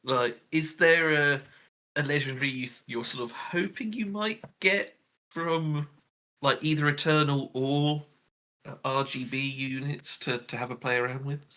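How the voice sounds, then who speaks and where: Man, guest on a game stream, friendly, agreeable, bright tense voice. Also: a little high, a little slow. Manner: friendly, agreeable, laughs often. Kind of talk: casual chat while gaming.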